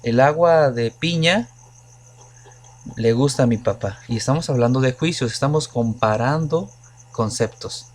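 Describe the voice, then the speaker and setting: A man's voice: medium pitch, a little slow. A man teaching logic to his students, explaining patiently with many examples and questions to the class. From Mexico. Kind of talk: recorded lecture to students.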